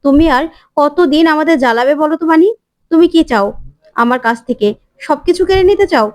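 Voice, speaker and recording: This is a storybook-style mother-in-law, middle-aged and bitter, read out by a woman narrator. She sounds accusing and high, and her pitch climbs as she presses her blame. The sound is dry and close. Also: a little fast, no echo, close to an everyday voice.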